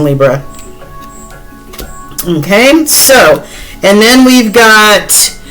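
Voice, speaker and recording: A woman's voice: mid-range voice, rough recording. A woman, chatting directly to viewers in a casual tarot reading, with many fillers. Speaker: tarot reader.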